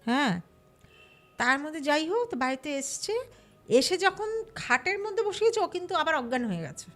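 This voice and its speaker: A woman telling a true ghost story casually, lively and acting out the people she quotes. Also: sits high, normal speed, faint music behind. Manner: lively, acts out quoted voices. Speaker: storyteller guest.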